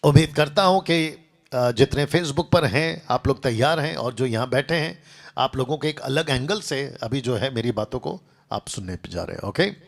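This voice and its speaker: A male pastor with a mid-range, expressive, creaky voice makes announcements and begins a sermon at a moderate pace. He addresses both a seated group and a livestream audience, using repetitive lists.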